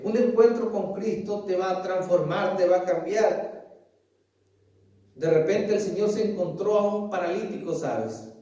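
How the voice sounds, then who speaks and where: A man's voice: high-pitched, mellow. A man preaching a sermon as pastor, earnestly pressing his listeners with repeated questions and calling them dear brother. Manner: keeps asking "¿sabes?" and calls listeners "querido hermano". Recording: echoey, distant mic.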